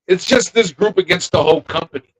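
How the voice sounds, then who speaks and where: High-voiced man chatting about wrestling. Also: brisk, husky, poor audio. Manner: thinking aloud, trailing off and restarting. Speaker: podcast co-host. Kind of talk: casual wrestling chat.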